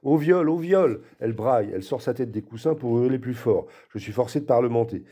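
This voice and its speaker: A man reads literary prose aloud with a deep, mellow, very dark tone. He is expressive, shifting his voice to act out the quoted lines. His pitch sits in the middle range for a man. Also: fast, breathy edge. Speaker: reader. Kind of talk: literary reading.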